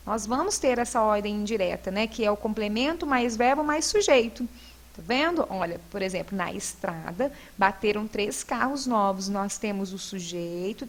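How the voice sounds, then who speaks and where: A female teacher with a Brazilian Portuguese accent, going through homework answers in a recorded lesson and explaining each point step by step. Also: medium pitch. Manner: patient, explains step by step with frequent "né".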